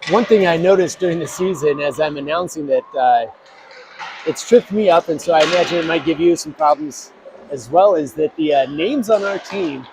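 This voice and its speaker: A man with a somewhat raised pitch hosts a local hockey webcast in a loose, conversational way. He leans on fillers and quick agreements. Steady rink noise sits behind his voice. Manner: chatty, filler-heavy, affirming. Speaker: hockey broadcast host. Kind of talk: casual pregame commentary. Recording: noisy arena ambience.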